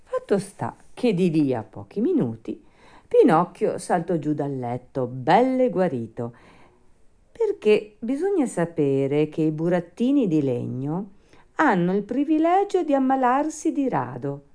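Donna che legge una fiaba, lenta e grave. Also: female voice, on the low side. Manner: slow, expressive. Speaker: narrator. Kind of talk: storybook reading.

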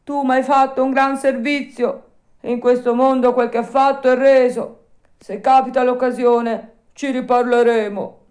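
A woman's voice: fairly even intonation, darkish tone. Woman doing a wailing drowning dog. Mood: grateful. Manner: high, drawn-out, wailing pleas. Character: terrified drowning male dog, later grateful.

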